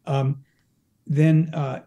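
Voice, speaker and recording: A man's voice: medium pitch, little pitch movement, extremely slow, mellow. A man who works as an energy practitioner, talking as an interview guest, explaining his practice with frequent restarts. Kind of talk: casual conversational interview.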